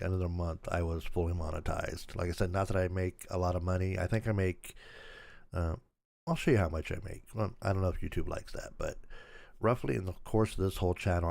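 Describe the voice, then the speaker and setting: An older man hosting a casual livestream, his voice raspy from a recent sore throat, rambling easily and laughing at himself. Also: low voice, a little mellow, dry recording. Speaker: channel host.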